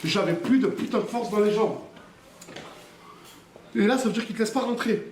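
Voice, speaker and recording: A man's voice: high voice, normal speed, recorded from a distance, a little hiss or hum. A man telling a personal story on a live stream in casual slang, emphatic and acting out moments. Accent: French slang with Arabic loanwords. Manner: emphatic, acts out shouts and crying in the retelling. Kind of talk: casual storytelling among friends. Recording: roomy live stream audio from off-mic.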